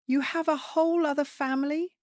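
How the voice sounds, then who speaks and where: A woman voicing a scheming adult daughter-in-law who talks sharp and demanding, rising into shrieks. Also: on the low side, normal speed, no echo, clean studio sound, close to an everyday voice. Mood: shrieking.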